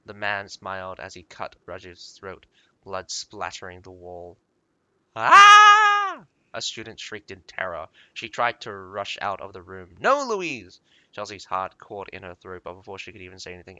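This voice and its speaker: A man reads a fantasy game's story aloud, stopping often for rambling, filler-heavy comments. His voice sits low but sounds very bright and forward. The recording is dry and close. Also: level tone, no echo. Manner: stops to comment, halting with fillers. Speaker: lore reader and streamer. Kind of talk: reading game lore aloud with commentary.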